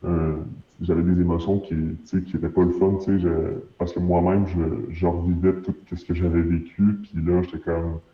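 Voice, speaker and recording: Man's deep pitch-shifted voice, hesitant Quebec French. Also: flat delivery, moderate pace, reverberant, dull audio. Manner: hesitant, searching for words. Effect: voice pitch-shifted down to disguise identity. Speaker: anonymous witness being interviewed. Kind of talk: halting personal testimony.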